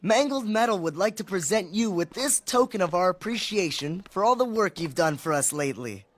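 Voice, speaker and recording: A woman's voice: fairly low pitch, lively intonation, brisk, dry recording. A woman voicing a playful teenage boy from a band, joking in mock-formal tones, in a cartoon.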